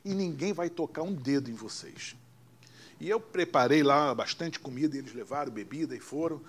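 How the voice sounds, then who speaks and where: A man with a Brazilian Portuguese accent, a pastor telling his own story in a sermon, dropping to hushed tones for quoted voices. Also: a little high, moderate pace, slightly rough. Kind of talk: sermon testimony.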